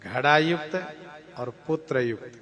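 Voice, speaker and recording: Slow, bright-voiced man chanting scripture. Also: a little high, faint music behind. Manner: chants verses slowly, then explains them plainly. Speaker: Ramayana preacher. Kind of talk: sung verses with spoken explanation.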